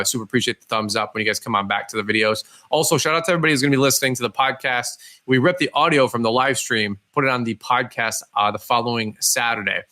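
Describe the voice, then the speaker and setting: A man's voice: mid-range voice, sharp tone. A man hosting a podcast as a casual live stream, talking informally and directly to his listeners. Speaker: podcast host. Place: live stream with a cat nearby.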